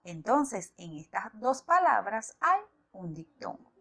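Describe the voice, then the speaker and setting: A woman teaching a grammar lesson, explaining slowly and deliberately and spelling out examples one by one. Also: medium pitch, big pitch swings, creaky, a bit bright. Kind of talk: educational lesson narration.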